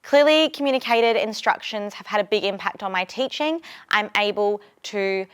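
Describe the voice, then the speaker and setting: A woman teacher explaining and giving patient, clear classroom instructions. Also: medium pitch, moderate pace. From Australia. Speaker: primary school teacher.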